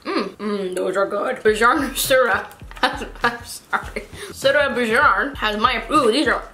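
A woman's voice: on the high side, takes it slowly, sharp tone, poor audio. A young American woman vlogging a snack taste test, chatting casually while chewing with her mouth full. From United States. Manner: chatty, giggly, apologetic about pronunciation.

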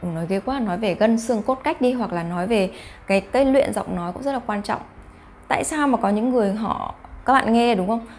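A YouTube vlogger with a fairly high-pitched voice talks a little fast to camera about face reading, casually addressing viewers and often asking rhetorical questions. There's a bit of hiss or hum on the recording.

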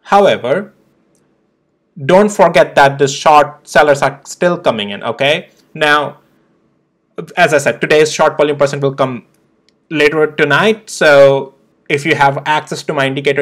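A young man hosting a stock trading channel, walking through charts in a casual, emphatic way with frequent tag questions. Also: a little high. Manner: emphatic, repeats tag questions like "right?" and "okay?". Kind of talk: casual chart analysis walkthrough.

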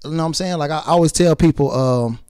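A young rapper and actor from the South Side of Atlanta talks loosely as a guest in a casual interview, saying "you know what I'm saying" often into a handheld mic. His voice is on the high side and darkish yet clean, and he speaks fast.

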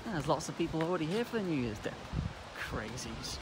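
A man's voice: fairly high pitch, big pitch swings, very fast. A man in his thirties chatting casually for a holiday vlog, with dry, teasing humour. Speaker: holiday vlogger. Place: outdoors at beach and house deck. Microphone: handheld phone. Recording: noisy outdoor handheld recording.

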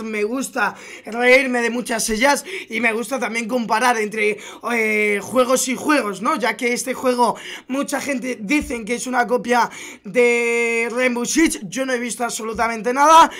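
A young man with a Spain Spanish accent doing excited gameplay commentary as a gaming YouTuber, bursting into loud exclamations and swearing. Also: very high-pitched.

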